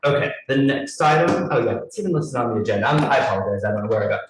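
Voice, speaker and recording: Man, committee chair, group video call, brisk list reading, distant mic, faint noise. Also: mid-range voice, lively intonation, very echoey. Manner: brisk, businesslike, reads lists with small restarts. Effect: heard over a group video call. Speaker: committee chair at a public meeting. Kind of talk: reading out license terms and running a vote. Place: meeting room joined to a video call.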